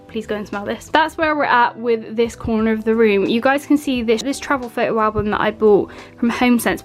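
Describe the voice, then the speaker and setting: A woman in her twenties giving a casual, chatty room tour as a vlogger, gushing enthusiastically about her things. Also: a little high. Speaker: home and lifestyle vlogger. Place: small furnished bedroom, indoors. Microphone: handheld compact camera at arm's length.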